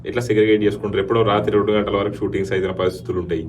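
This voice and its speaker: Rj guy asking quick questions, talks fast, low voice, a bit far from the mic. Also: flat delivery, darkish tone, a little hiss or hum. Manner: brisk, brief acknowledgments. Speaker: radio jockey interviewer. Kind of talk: interview questions. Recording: voice off-mic, distant.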